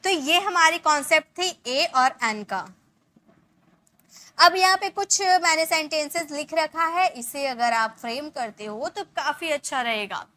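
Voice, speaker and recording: High, bright-voiced woman teaching English. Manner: explains step by step, asks the viewer questions and answers them herself; repeats example words slowly for emphasis. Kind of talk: classroom-style spoken English lesson.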